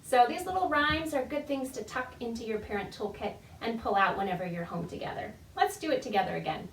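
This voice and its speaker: A children's librarian with a high, lively voice leads baby storytime at a slightly fast pace, mixing rhymes and songs with tips for parents. Her manner is playful and encouraging, with simple sing-song phrasing aimed at the children. This recorded virtual session from an indoor room has a little hiss or hum and echoes off the walls, picked up by a distant microphone.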